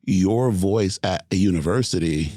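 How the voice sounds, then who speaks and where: A man hosting a podcast, talking in a measured, reflective way and using academic terms. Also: low voice, dark tone, dry recording, clean studio sound. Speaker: podcast host. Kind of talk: conversational interview.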